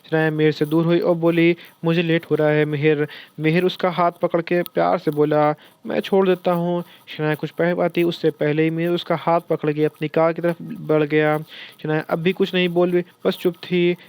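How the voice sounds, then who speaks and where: Male storyteller, steady even reading; smooth, close, dry sound. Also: a little high, moderate pace, no echo. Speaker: narrator. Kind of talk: scripted narration of an audio story.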